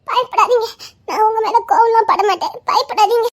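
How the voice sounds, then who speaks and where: பெண், மிக உயர்ந்த குரலில் கெஞ்சுகிறாள். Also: female voice, very high-pitched, fairly quick. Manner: pleading, laughs and whines while coaxing. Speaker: wife in a couple vlog. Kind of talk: casual couple prank chat.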